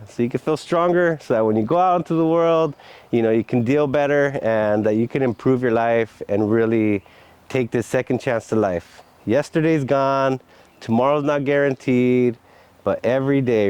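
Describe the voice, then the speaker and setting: A man's voice: medium pitch, darkish tone, rough recording. A man giving earnest, encouraging talk in a motivational vlog. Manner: earnest and encouraging, with frequent laughs. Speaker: vlogger.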